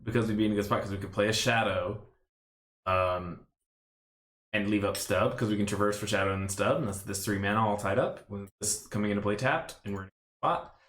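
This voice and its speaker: A man's voice: lowish voice, fairly quick, fairly bright tone, roomy sound. A man streaming a card game, thinking aloud in casual play-by-play commentary with rambling, self-mocking asides. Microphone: desk stream mic.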